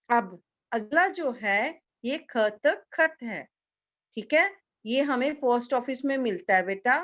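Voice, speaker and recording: Woman teacher talking real slow to little kids, repeats every word, kinda muffled lo-fi sound. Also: fairly high pitch. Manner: slow, patient, repeats each word for children to echo. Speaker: kindergarten teacher. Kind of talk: online class lesson for young children.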